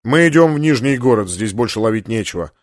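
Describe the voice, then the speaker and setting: A man reading the part of a huge, calm male half-giant officer with a deep bass voice, gentle but firm. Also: fast talker, dry recording, studio quality, natural voice. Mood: decisive.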